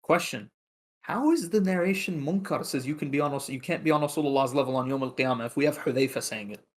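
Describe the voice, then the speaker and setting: A man giving a religious history lecture, retelling narrations in an animated way and acting out the quoted lines. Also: a little high, fast.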